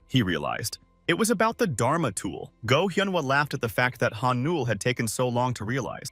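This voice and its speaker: A man giving scripted story narration as a recap narrator, in an animated, swooping delivery. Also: mid-range voice, no echo.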